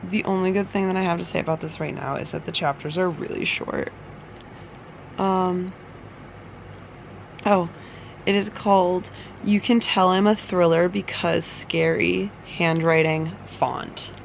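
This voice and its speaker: A woman's voice: lowish voice, fairly even intonation, unhurried, creaky, poor audio. A woman chatting casually and ramblingly in a reading vlog, sounding unimpressed as a book reviewer. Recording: fan noise behind the voice. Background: running fan.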